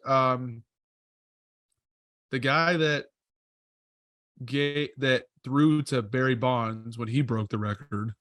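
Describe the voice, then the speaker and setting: Podcast co-host, male, mid-pitched, meandering talker, dead-dry close-miked sound. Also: fairly even intonation, takes it slowly, pauses often, a bit bright, no room sound. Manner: rambling, thinks aloud with frequent self-corrections. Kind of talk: casual podcast chat.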